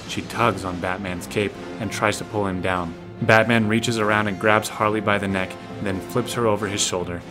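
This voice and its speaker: This audio drama is narrated by a man whose voice sits fairly low, reading scripted action prose in the present tense while music plays prominently beneath him.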